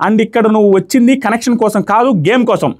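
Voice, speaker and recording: Fast-talking high-voiced male reviewer. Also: darkish tone. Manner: rapid, analytical, mixes in English phrases. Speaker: reality show reviewer. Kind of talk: casual commentary to camera.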